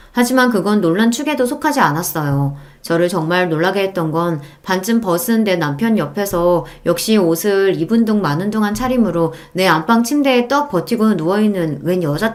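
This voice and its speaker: A woman narrating a first-person audiobook story in an indignant, emphatic tone. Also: lowish voice.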